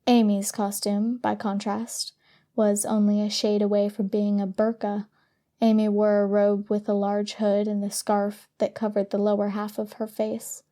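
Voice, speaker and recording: A woman narrating an audiobook in a steady, even storytelling manner. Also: medium pitch, measured pace. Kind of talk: scripted narration.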